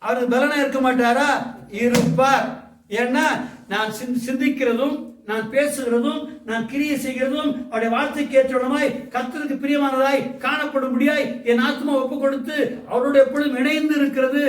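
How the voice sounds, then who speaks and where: A man's voice: very high-pitched, fairly even intonation, moderate pace. A man preaching as a pastor, asking the congregation questions and repeating his phrases. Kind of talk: sermon. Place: church hall. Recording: echoey hall mic from a distance.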